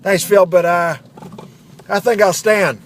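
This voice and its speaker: A man's voice: high voice, steady tone, takes it slowly, a little hiss or hum. A man doing a cranky, swearing barfly. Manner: loud and irritable, swearing. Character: cranky, foul-mouthed male barfly.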